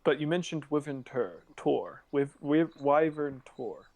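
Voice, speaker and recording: A man's voice: fairly high pitch, expressive, measured pace, darkish tone. A young man speaking in character as a player in a tabletop game, dry and self-assured.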